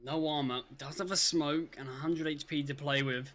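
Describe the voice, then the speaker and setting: A man's voice: on the high side, moderate pace. A man giving casual color commentary on an esports match, correcting himself as he goes. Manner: relaxed, casual, self-correcting. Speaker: esports co-caster.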